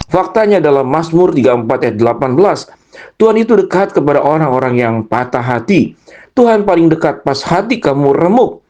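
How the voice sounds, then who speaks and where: A man giving an earnest, gently encouraging devotional talk to children, speaking with emphasis. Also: mid-range voice. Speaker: youth preacher.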